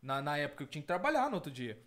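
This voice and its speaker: A man's voice: a little high, sing-song, racing, fairly bright tone. A man, an evangelical host telling a testimony earnestly and often repeating his words. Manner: earnest, repeats words, calls listeners brothers. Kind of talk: testimony and reaction commentary.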